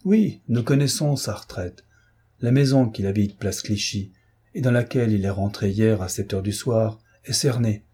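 A man's voice: fairly low pitch, normal speed, mellow, breathy edge. A man reading an audiobook voices a confident male official who speaks in a firm, insistent way. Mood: assured. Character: confident male official, reassuring and self-assured.

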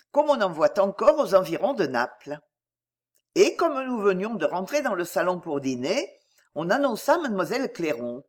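Woman audiobook reader, lively intonation, measured literary delivery. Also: medium pitch. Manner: measured, expressive literary reading. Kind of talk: scripted narration of a memoir.

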